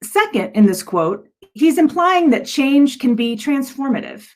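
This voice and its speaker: Her voice is high, with big swings in pitch, and she speaks at a measured pace. An adult education director, she delivers an earnest but hesitant slide presentation to a video-call audience at a virtual event.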